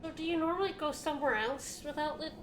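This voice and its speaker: A woman with a high voice co-hosts a gaming session in casual banter. She is wry, jokey and sweary. Faint noise sits behind her. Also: fast talker. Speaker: video game let's play co-host.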